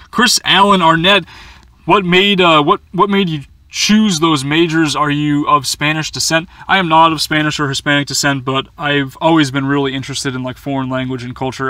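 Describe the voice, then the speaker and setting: A young van-life vlogger answers viewer questions from inside a small camper van, chatting casually in a medium-pitched, pushed, bright voice with no echo. He rambles, with lots of fillers and stumbling restarts.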